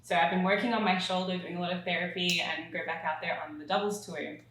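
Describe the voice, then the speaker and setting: A woman's voice: fairly low pitch, fairly even intonation, quick pace, a bit bright, heavy reverb, poor audio. A young woman with an Australian accent, chatting as an interview guest and laughing often. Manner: giggly, chatty. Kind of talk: casual interview.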